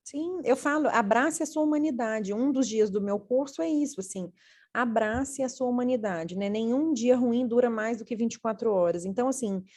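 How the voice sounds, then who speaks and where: A woman who is a parenting educator and mother, telling stories from home in an earnest, animated way. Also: a little high, moderate pace. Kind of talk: casual conversation.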